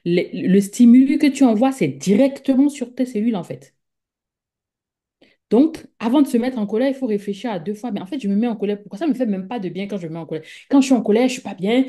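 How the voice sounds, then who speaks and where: A woman from Africa speaks as a guest in a slightly high, animated, warm voice, and she talks fast. It's conversational and rambling, crowded with fillers and repeated words, with her thoughts performed as little quoted speeches.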